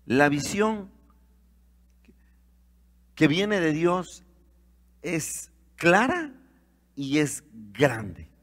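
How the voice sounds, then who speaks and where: A man's voice: fairly high pitch, sing-song, very slow, pauses often, fairly bright tone, long reverb tail. A man preaching a sermon as pastor, emphatic and putting rhetorical questions to his congregation.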